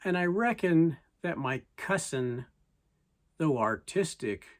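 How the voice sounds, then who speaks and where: A person with a reciting poetry as a story in verse, in a folksy way with deliberate pauses. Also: medium pitch, animated.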